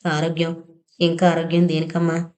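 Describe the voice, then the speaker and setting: A woman's voice: deep voice, completely flat delivery, normal speed, a little mellow, close to an everyday voice. A woman voicing an ailing elderly father, speaking in a sorrowful, pleading way in an audio novel. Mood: grieving.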